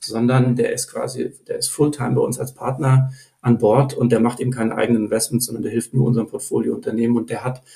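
A man's voice: mid-range voice, level tone, fast talker, creaky, few pauses, warm tone, reverberant. A man speaking as an investor guest on a podcast, thinking aloud with many fillers and restarts. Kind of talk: podcast interview.

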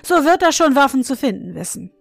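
A woman's voice: sits high, big pitch swings, fairly quick, creaky, no room sound, soft background music, pitched above the performer's own voice, exaggerated voice. A woman voicing a cheeky young boy who teases his godfather, in a storybook reading. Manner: brash, teasing.

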